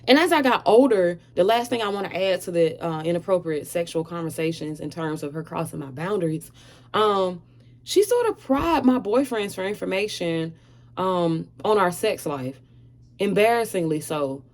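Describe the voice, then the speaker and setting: This is a woman in her thirties with a somewhat low-pitched voice, sharing a personal testimony in a vlog. She talks frankly and earnestly, often hesitating with fillers as she works through her memories. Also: expressive, normal speed. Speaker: vlogger sharing her story. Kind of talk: candid personal testimony to camera.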